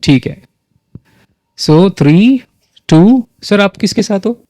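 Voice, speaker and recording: A man's voice: high voice, lively intonation, extremely slow, warm tone, dry recording. A man facilitating a live workshop, leading a group exercise and often asking the audience questions. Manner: engages the audience with frequent questions, mixes in English phrases.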